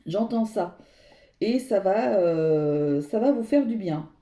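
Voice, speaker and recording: Fields: Sex: woman. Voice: very dark, mellow. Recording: echoey room. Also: mid-range voice, lively intonation, slow. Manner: meandering, searching for words, addresses viewers directly. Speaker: tarot reader. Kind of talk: tarot card reading to viewers. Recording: roomy echo.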